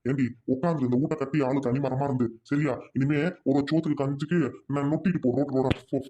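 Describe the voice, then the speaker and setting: A stern older husband, played by a man. He rebukes his wife angrily and fast in a family drama. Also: medium pitch, steady tone, mellow, highs cut off, close to an everyday voice. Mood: angry. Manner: angry, rebuking.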